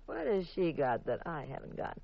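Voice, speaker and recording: A woman playing a detective's wife who narrates the story crisply and teases her husband, in an old radio drama. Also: deep voice, sing-song, exaggerated voice. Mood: brisk, teasing. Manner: brisk, crisp storytelling, teasing. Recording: muffled old radio recording with faint music.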